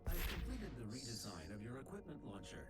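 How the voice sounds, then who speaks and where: An actor voicing a calm male artificial intelligence assistant in a video game, giving even, measured reports. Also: mid-range voice, over music.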